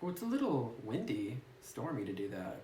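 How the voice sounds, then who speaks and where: A gaming YouTuber with a very deep, warm, sing-song voice chats and giggles at a moderate pace while playing, reading the game's text aloud and musing to herself. It's a roomy phone recording with faint hiss.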